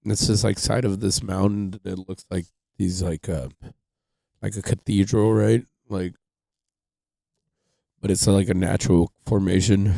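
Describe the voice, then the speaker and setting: A man's voice: low-pitched, steady tone, measured pace, gravelly, pauses often, dark tone, no echo, clean studio sound. A man telling a rambling, profane story on a casual podcast, full of fillers. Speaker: podcast host.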